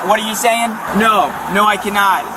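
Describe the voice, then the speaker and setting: Body cam audio: male police officer, high-pitched, patronizingly polite, loud roadside noise throughout. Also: steady tone, moderate pace. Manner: patronizing politeness, calling driver "dear". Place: outdoors at a roadside.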